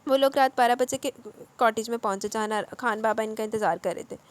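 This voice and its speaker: Fast-reading woman narrating a romance novel. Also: fairly high pitch.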